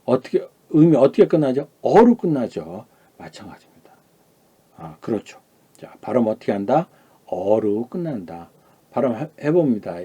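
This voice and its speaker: A man's voice: big pitch swings, normal speed, slightly rough. Korean male teacher modeling Chinese vowels. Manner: demonstrates sounds loudly and high, then drops to a quiet aside; asks the class questions and answers them himself. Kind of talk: classroom lecture.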